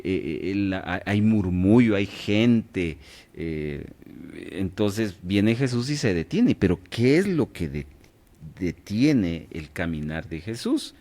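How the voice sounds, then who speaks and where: A man's voice: on the low side, darkish tone. A man leading a radio Bible class, quizzing his listeners and checking in often to see that they follow. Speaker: Bible study teacher.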